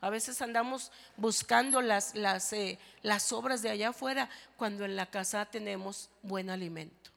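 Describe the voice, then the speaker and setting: A woman pastor delivering a sermon, emphatic and rising to shouted exhortations, recorded in a church hall. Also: medium pitch, normal speed, creaky, few pauses.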